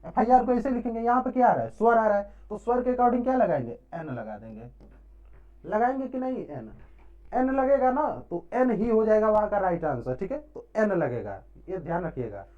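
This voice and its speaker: A man teaches a grammar lesson in a mellow, soft-toned voice. His pitch swings widely as he poses questions and answers them himself, checking in often. The recording sounds dull and lo-fi. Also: very animated, moderate pace. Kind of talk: classroom-style grammar lesson.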